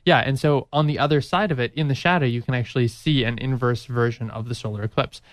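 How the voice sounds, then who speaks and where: A man's voice: medium pitch, fairly even intonation, quick pace, no echo, studio quality. A man co-hosting a radio talk show, eager and searching for words as he explains. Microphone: studio microphone.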